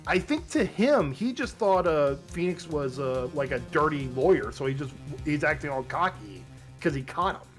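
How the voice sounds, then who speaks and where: A man gives casual let's play commentary. His pitch is very lively and varied, and game music sits faintly behind him. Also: moderate pace. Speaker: let's player.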